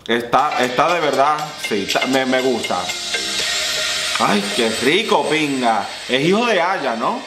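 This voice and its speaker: A man performing as a drag queen gives playful, bawdy reaction commentary, laughing often and swinging between high squeals and low purrs. He's animated but unhurried, and the sound is roomy with loud music playing behind his voice.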